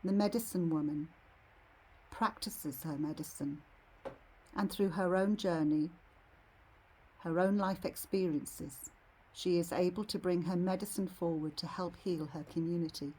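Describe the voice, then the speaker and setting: A woman leading a guided meditation in a serene, soothing, soft and slightly husky voice. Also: lowish voice, fairly even intonation, poor audio. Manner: serene, unhurried, soothing delivery.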